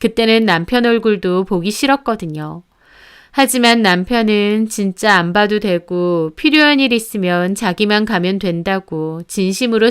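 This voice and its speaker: A woman's voice: medium pitch, smooth. A woman narrating a first-person story in an aggrieved, emotional way.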